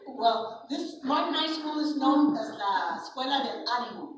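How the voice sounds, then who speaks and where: A woman's voice: sits high, lively intonation, normal speed. A woman, giving a chatty, self-deprecating speech as an honored guest. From Laredo, Texas. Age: 70s. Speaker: honored speaker. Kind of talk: ceremony speech, personal storytelling. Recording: echoey hall, distant mic, room noise.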